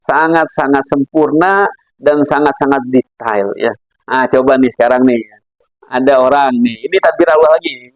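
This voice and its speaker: A man's voice: mid-range voice, no echo, low-quality recording. Guy giving a chill religious lesson, chatty, laughs a lot, dry close sound. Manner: chatty, laughs often, acts out quoted characters. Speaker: Islamic philosophy teacher. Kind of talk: casual religious lecture with anecdotes.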